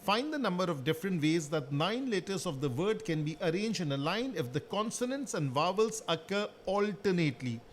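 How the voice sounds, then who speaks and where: High-voiced male maths tutor. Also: sing-song, fairly quick, hardly any pauses, a little hiss or hum. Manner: explains step by step, asking and answering his own questions. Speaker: maths teacher. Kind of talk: worked-solution lesson.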